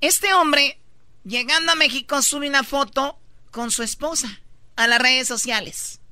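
A woman's voice: sits high, measured pace, bright, forceful tone, no echo. A woman podcast host telling gossip in a chatty, teasing way. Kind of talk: casual gossip storytelling.

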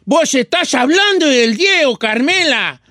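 A man's voice: extremely high pitch, expressive, a little slow, pushed and bright, no room sound, studio quality, exaggerated voice. A man putting on an Argentine accent to play a scolding football fan. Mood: mock scolding. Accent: Argentine (imitated). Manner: scolding, mock-indignant.

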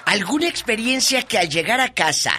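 Bright, playful radio host. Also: male voice, sits high, expressive, fairly quick, breathy edge. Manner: playful, exclamatory, teasing. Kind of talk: casual radio chat.

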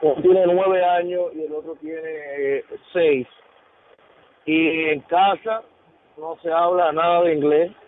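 A man's voice: on the high side, steady tone, slow pace. A man who drives trucks calling in to a radio show, talking in an easygoing, rambling way. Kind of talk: casual call-in chat. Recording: distant tinny phone line.

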